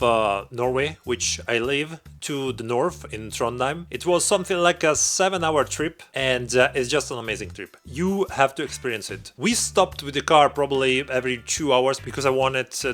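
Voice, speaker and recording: A young man from Croatia, talking casually to camera in a vlog, excitable and emphatic, swearing freely. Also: fairly high pitch. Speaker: vlogger and metal musician.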